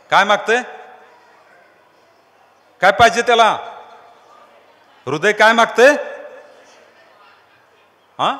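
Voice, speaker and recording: A man's voice: on the high side, a bit bright. A man preaching to a crowd, teasing them and asking call-and-response questions. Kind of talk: lively sermon with crowd games. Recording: long hall reverb.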